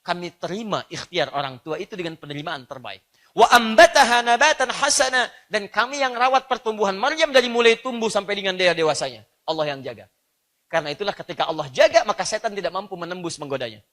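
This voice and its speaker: A man with an Indonesian accent delivers a sermon in a rather high voice. He stresses key phrases with lively lifts, then drops into softer explanatory asides. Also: quick pace. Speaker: preacher.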